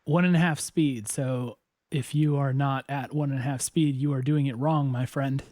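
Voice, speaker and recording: A man's voice: mid-range voice, fairly even intonation, moderate pace, warm tone, no room sound. Male stream co-host on a headset mic, dry close sound, mid voice, jokey with chat. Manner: joking, talks straight to chat. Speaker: livestream co-host.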